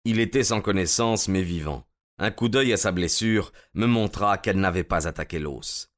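A man reading a classic detective story aloud in measured, steady scripted narration. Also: sits low. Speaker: audiobook narrator.

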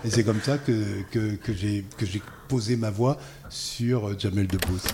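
A man, a voice actor, telling anecdotes in a relaxed interview, with frequent hesitations and fillers. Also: lowish voice, a little slow, a loud crowd. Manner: storytelling, hesitant with many fillers. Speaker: voice actor guest.

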